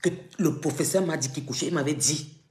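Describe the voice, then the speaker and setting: A woman's voice: low-pitched, brisk, a little mellow, reverberant. Taunting Cameroonian woman ranting on a live stream. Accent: Cameroonian French. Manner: taunting, mocking, threatening. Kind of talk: confrontational live-stream rant.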